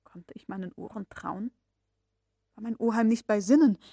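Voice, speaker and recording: Female audiobook narrator, expressive and measured, dry and close. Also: medium pitch, gravelly, slightly rough, no room sound. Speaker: audiobook reader. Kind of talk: audiobook narration of a classic novel.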